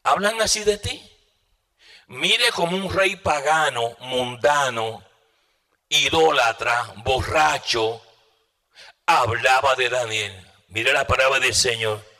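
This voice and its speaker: A man's voice: mid-range voice, takes it slowly, pushed and bright, in a large hall. A man preaching a sermon as a pastor, swinging his voice up and down and firing rhetorical questions at the audience.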